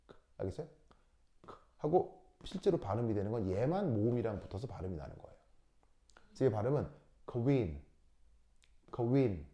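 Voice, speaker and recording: A man teaching high school chemistry in a classroom lecture. His voice is warm and mellow, with lively pitch that rises and falls. He keeps stopping to ask whether students understand and has them repeat terms aloud. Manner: checks understanding often, drills pronunciation with students.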